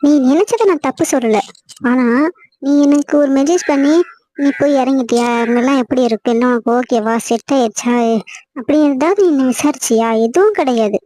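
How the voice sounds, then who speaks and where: A woman's voice: high voice, expressive, normal speed, mellow. A young woman acting a hurt wife arguing with her husband on a phone call. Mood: hurt, angry. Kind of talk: acted phone-call drama.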